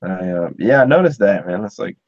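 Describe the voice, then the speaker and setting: An Ohio podcast host with a lowish voice talks animatedly and fairly quickly in a casual conversation, wandering off topic, chuckling and leaning heavily on fillers. The sound has no echo but comes across dull and muffled.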